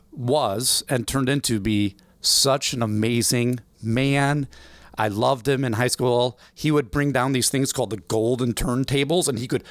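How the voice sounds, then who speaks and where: A man in his forties telling a life story as a podcast guest, animated and acting out the voices of people he quotes. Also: medium pitch, dry recording. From United States. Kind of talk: storytelling interview.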